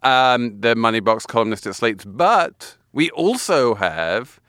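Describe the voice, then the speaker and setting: A man's voice: medium pitch, animated, measured pace, fairly bright tone, no room sound, clean studio sound. A British man hosting a podcast in a conversational manner. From United Kingdom. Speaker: podcast host. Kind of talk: conversational show hosting and sponsor reads. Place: studio.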